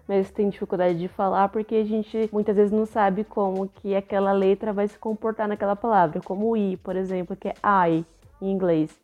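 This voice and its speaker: Teacherly woman, mellow, slightly muffled. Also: medium pitch. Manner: explanatory, teacherly, tags with frequent "né?". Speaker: podcast co-host, English teacher. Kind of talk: casual podcast chat.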